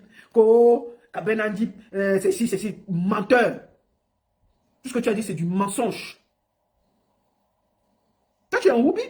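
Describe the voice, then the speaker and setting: A woman ranting on a live stream in a scornful, mocking, repetitive way. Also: fairly high pitch. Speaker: online personality.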